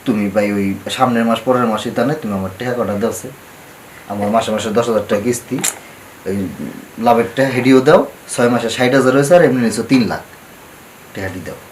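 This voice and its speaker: A man's voice: medium pitch, fast talker, a little hiss or hum, natural voice, rough recording. An actor playing a pushy, greedy male moneylender who talks bluntly in dialect. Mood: demanding. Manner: blunt, demanding, coarse dialect. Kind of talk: TV drama acting.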